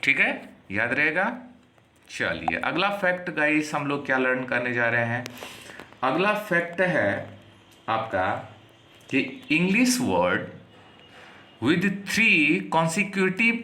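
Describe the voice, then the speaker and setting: Slow, repetitive Bihari man teaching English. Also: mid-range voice, very animated, bright, forceful tone, a little hiss or hum. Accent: Indian, from Bihar. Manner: slow, drawn-out explanations with many repetitions and tag questions. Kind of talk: classroom lesson. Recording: echoey room.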